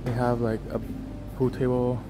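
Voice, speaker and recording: A young male travel vlogger strolls through a beach resort, chatting casually into a gimbal-mounted phone as he gives walking-tour commentary. He rambles, full of fillers and restarts, in a monotone mid-range voice at a normal speed, with background noise behind him.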